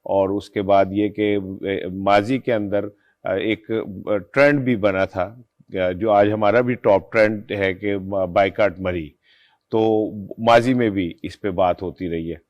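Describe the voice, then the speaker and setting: A man speaking as a panelist in a talk show discussion, building from measured points into indignant rhetorical questions. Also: fairly low pitch, steady tone, highs cut off.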